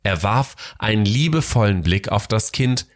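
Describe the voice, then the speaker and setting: A man narrating a Christmas storybook tale in a gentle, measured way. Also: lowish voice, expressive.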